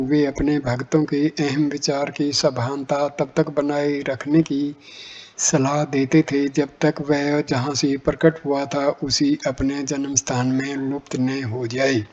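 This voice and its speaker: A man with a somewhat high voice reads spiritual teachings in a slow, measured way. His pitch barely moves, so the reading sounds even and steady. The recording is dull and lo-fi.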